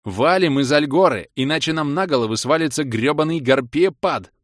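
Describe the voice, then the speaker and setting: A man's voice: on the high side, expressive, moderate pace, dry recording, clean studio sound, voice pushed up, natural voice. A man voicing a sneaky, crude male rogue who speaks with drawling mock politeness in a fantasy audiobook. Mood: indignant.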